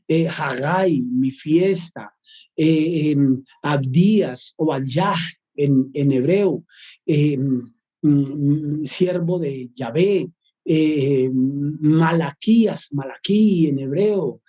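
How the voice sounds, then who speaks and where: A man's voice: high voice, dark tone, lo-fi sound. A male Bible course professor giving a recorded lecture, thoughtful and full of hesitations and fillers.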